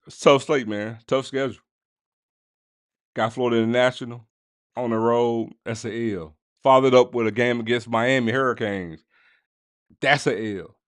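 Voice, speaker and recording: A man hosting a casual sports podcast, talking straight to his listeners in slangy, animated bursts. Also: mid-range voice, normal speed, pauses often, clean tone, no echo, clean studio sound. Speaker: podcast host.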